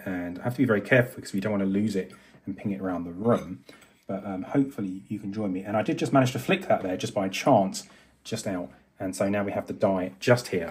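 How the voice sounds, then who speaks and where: Indoors at a desk equipped with a microscope and monitor, a man presents an electronics demonstration by hand. His voice is low and darkish, and his narration wanders as he thinks aloud, with fillers and self-corrections.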